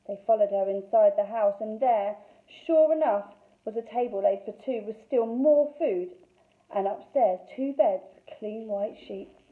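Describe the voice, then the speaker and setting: A woman teacher reading a fairy tale aloud to young children in an expressive, lively storytelling voice, on a thin phone-like recording. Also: medium pitch, a little slow. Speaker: infant school teacher.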